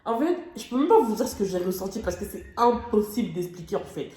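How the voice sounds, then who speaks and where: A young woman vlogger recounts her story with raw, dramatic emotion and loose, slangy phrasing. Her voice sits at an ordinary middle pitch. The sound bounces around an echoey room. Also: expressive, quick pace, warm tone. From France. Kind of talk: storytime vlog.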